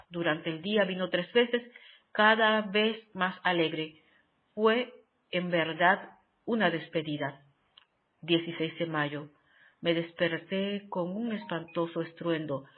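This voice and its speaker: A narrator reading a spiritual diary aloud in a measured, solemn, devotional way with long pauses. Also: mid-range voice. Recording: tinny phone-like sound.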